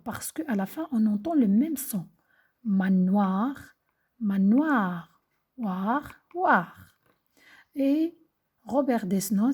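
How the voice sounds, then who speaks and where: A woman teacher talks young children through a lesson at a very slow, careful pace. Her voice is breathy and half-whispered, a little high and mellow, and she repeats and explains each simple word. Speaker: primary school teacher.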